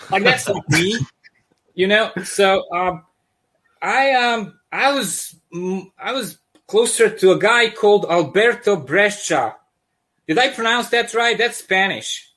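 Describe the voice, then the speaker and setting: Joining by video call, a man with a heavy Serbian accent and a high voice spins stories as a guest comic artist. He jokes animatedly and keeps starting his sentences over, all in a loose, friendly exchange.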